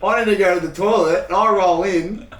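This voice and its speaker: A man's voice: high-pitched, fairly even intonation, brisk, fairly bright tone. A young Australian man hosting a casual chat, telling a story with lots of laughs and swearing. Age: young adult. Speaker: host. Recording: roomy sound, mic at a distance, faint hiss.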